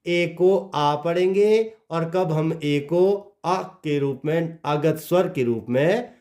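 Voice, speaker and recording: A man's voice: on the high side, takes it slowly, darkish tone. A man teaching English pronunciation, spelling out words letter by letter and dropping his voice at the ends of phrases. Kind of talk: slow spelled-out phonics lesson.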